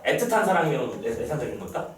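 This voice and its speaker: A man teaching a class in a lively lecture, often checking in with his students. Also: medium pitch, quick pace. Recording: echoey room, far from the mic, faint background noise.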